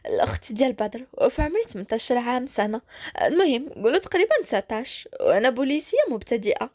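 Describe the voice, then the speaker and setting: A woman's voice: a little high, sing-song, quick pace, a little mellow, no room sound, clean studio sound. A woman with a Moroccan accent voicing a bubbly, teasing young woman who is a rookie police officer. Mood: cheeky. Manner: playful, cheeky.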